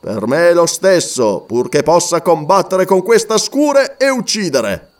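A hot-tempered warrior chief bellowing threats, as a man puts him on for an audiobook. The voice is pitched high and swings widely, loud and theatrical. He sounds proud, fierce and ready to fight. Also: sing-song, a little slow. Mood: grim.

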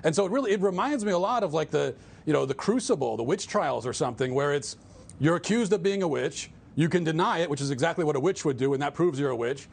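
A man's voice: on the high side, animated, creaky, husky. A man as an interview guest, talking earnestly and restarting his sentences often. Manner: earnest, halting with repeated restarts. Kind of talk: political interview.

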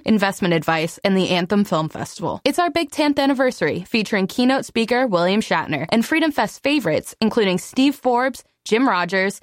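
A woman's voice: medium pitch, dry recording. Woman reading a dry, close radio ad. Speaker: event spokesperson. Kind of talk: scripted event advertisement read.

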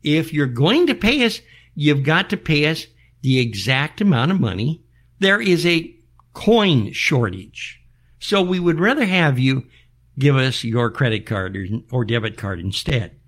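A man's voice: fairly high pitch, very animated, unhurried, fairly bright tone. An older American man hosting a show, ranting in an exasperated, folksy back-in-my-day manner full of rhetorical questions. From United States. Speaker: show host. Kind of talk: back-in-my-day style rant monologue.

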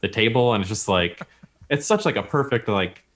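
A man's voice: fairly low pitch, animated, normal speed, fairly bright tone. A man chatting casually about a movie, rambling and using many fillers.

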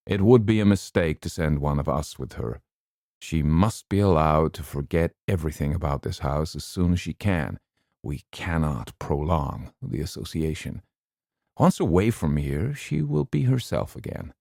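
A man voicing a gentle, apologetic middle-aged doctor who speaks in a measured way. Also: rumbling low, lively intonation, vocal fry, no echo, clean studio sound, exaggerated voice.

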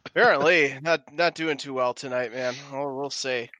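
A man playing a tabletop game, speaking in a hesitant, halting way. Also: medium pitch, pushed and bright, no room sound. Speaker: player.

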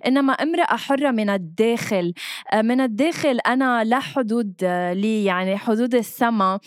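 A woman's voice: fairly high pitch, fairly quick, dry recording, studio quality. A woman with a Lebanese Arabic accent in casual, playful chat, dropping English words into her talk.

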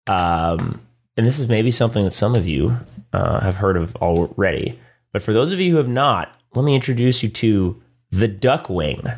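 A man's voice: on the low side, expressive, moderate pace. A man co-hosting a casual podcast, reading listener emails in a laid-back way with lots of ums and uhs. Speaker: podcast co-host. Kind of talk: casual chat.

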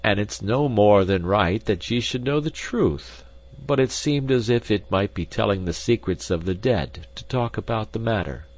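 Man playing a feverish, troubled laborer. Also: lively intonation. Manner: halting, low and quiet. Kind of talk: audiobook character voice.

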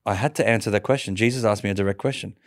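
A man, an interview guest, telling a personal conversion story in a lively way, laughing often and stumbling over restarts. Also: fairly low pitch, racing, dry recording, studio quality.

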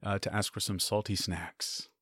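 A man's voice: deep voice, level tone, normal speed, a bit bright, slightly rough, no echo, studio quality. A man who plays a tabletop game, in casual table talk and narration of his character.

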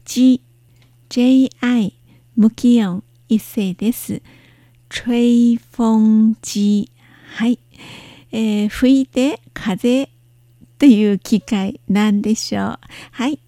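A woman gives a language lesson and explains each word with slow, careful patience. Her voice sits a little high, with a warm, mellow tone. It is recorded close and dry, with no room sound. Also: dry recording. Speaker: Chinese language teacher.

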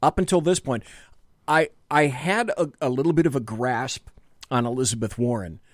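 A man's voice: mid-range voice, normal speed, dry recording. A man co-hosting a political talk show in a small studio, chatting casually in a self-deprecating way that rambles with restarts.

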